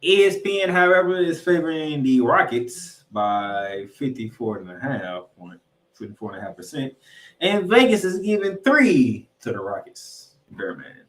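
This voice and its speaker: On his sports podcast, a man offers football preview commentary with an announcer's flair, speaking to ladies and gentlemen. His mid-range voice is animated and at normal speed, and the audio has roomy echo, recorded distant from the mic.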